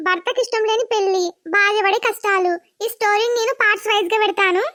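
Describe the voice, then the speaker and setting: Upbeat high-voiced woman signing off. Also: fairly bright tone, no room sound, studio quality. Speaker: channel host. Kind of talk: cheerful video outro.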